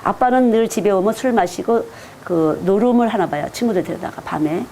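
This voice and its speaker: A woman at a middle pitch delivering a church teacher-training lecture. She speaks earnestly and directly, in a conversational preaching manner, with faint noise in the background. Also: brisk, dark tone. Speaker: children's missionary lecturing teachers.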